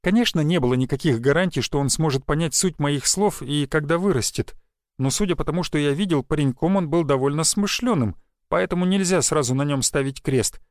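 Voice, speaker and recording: A man's voice: on the high side, a little fast, no echo, studio quality. Man narrating a fantasy audiobook, wry.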